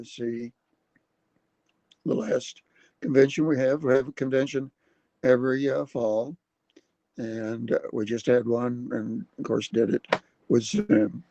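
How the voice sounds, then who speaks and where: A man in his seventies hosting a casual livestream from his computer at home, rambling and halting with many fillers. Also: medium pitch, darkish tone, no echo, dull audio. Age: 70s. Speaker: livestream host. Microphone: computer webcam mic.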